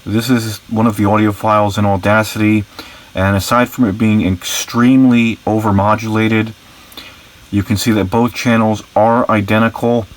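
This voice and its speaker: A man with a fairly low voice reviews a small gadget. He explains its technical details carefully, with a mildly exasperated edge. His delivery is plain and conversational. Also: flat delivery, moderate pace. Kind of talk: product review with audio tests.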